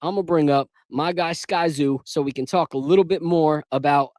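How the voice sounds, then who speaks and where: A man's voice: a little high, fairly quick, a little mellow, no room sound. A man hosting a casual sports and whiskey livestream, chatty and laid-back, calling on viewers to like and subscribe. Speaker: podcast host.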